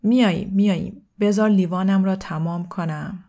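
A woman voicing a carefree, impulsive young man in a storybook, speaking in a loud, breezy and teasing way. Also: medium pitch, fairly even intonation, lightly acted.

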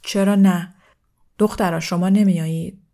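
A carefree young man from a storybook calls out loudly and breezily, teasing his friends along, as a woman narrator voices him. His voice is near the reader's own, only lifted in volume. There is no heavy acting in it. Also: on the low side, fairly even intonation, natural voice. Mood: breezy.

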